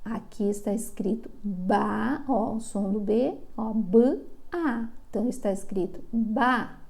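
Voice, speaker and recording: A middle-aged woman from Brazil, a literacy teacher explaining to parents, slowly sounding out syllables. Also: medium pitch, gravelly, darkish tone. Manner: slow, drawn-out sounding of syllables.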